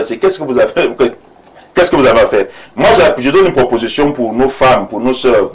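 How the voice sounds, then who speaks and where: A man speaks as an imam in a studio debate. His voice sits at an ordinary middle pitch. He talks in an earnest, preaching way and repeats phrases for emphasis. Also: low-quality recording. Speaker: imam, panel guest.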